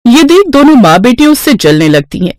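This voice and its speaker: A woman reads a moral story aloud as scripted storybook narration. Her voice rises and falls a great deal, and she brings an expressive touch to every line. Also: on the high side, brisk, no echo.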